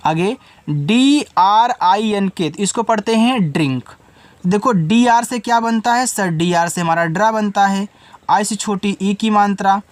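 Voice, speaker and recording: A teacher walks through English words letter by letter, stretching the spelling slowly before explaining it. The teacher keeps asking the students questions along the way. The recording is dry and close, with no room sound. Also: mid-range voice, no room sound.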